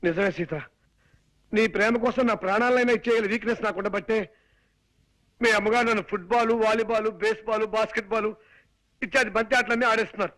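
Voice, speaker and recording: An actor playing an excitable young suitor who talks theatrically in a film comedy. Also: male voice, sits high, fast, pauses often, rough recording. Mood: self-pitying. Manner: theatrical, over-explaining. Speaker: comic suitor.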